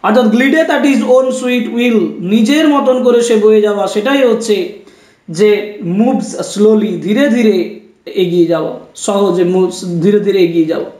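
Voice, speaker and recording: A man teaching an exam-prep lesson, reading each English question slowly and then explaining it quickly in Bengali. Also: sits high, darkish tone, roomy sound.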